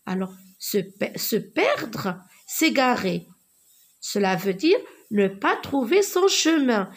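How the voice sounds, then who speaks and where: A woman teaching young children to read, slowly repeating words and sounding out letters. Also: on the high side, sing-song. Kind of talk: reading lesson for young children.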